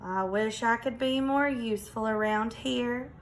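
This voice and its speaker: A woman's voice: on the high side, a little slow. A woman voicing an earnest, eager male peacock in a children's storybook, with a plaintive manner. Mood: moping.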